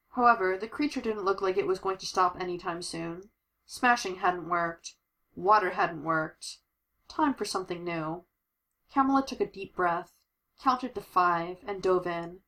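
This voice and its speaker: A woman reading a superhero story aloud, giving the characters lively voices. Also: fairly low pitch, moderate pace, poor audio. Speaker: audiobook narrator.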